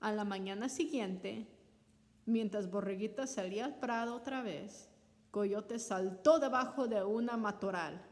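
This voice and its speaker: A woman reading a folktale aloud as a storyteller, measured, acting out the characters' voices. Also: mid-range voice, a little mellow. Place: library. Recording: reverberant library hall.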